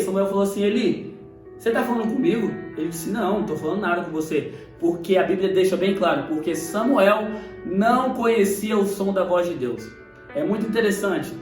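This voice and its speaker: Animated young Brazilian man preaching. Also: high voice, distant mic. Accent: Brazilian Portuguese. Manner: animated, acts out Bible scenes in voices. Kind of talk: casual preaching video. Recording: echoey room, voice off-mic, faint music.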